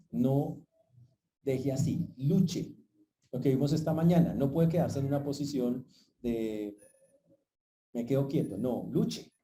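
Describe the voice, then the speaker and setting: A man preaching a sermon to his congregation as pastor, often stopping to check in with a quick "¿ok?". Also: medium pitch, mellow, rough recording.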